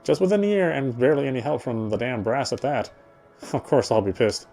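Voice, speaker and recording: Over soft background music, a man reads first-person visual novel narration in a conversational tone, now and then tripping over words and repeating. His medium-pitched voice is warm, expressive and brisk.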